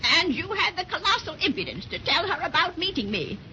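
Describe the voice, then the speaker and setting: A wicked old witch in a vintage radio serial. Her voice is high and swoops dramatically as she gloats and taunts with a cackle. The old recording is dull and noisy. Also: big pitch swings, a little fast, sharp tone, heavily acted. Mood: indignant, aggrieved. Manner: theatrical, menacing, taunting. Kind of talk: 1930s children's radio serial acting. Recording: muffled, noisy 1930s radio transcription.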